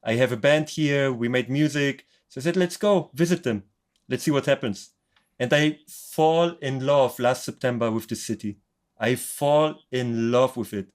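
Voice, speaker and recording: A Polish-born man raised in Germany appears as a guest on a podcast, a music producer and author chatting in a casual interview. Speaking English as a second language, he sounds upbeat, enthusiastic and decisive, with a medium pitch at a normal speed.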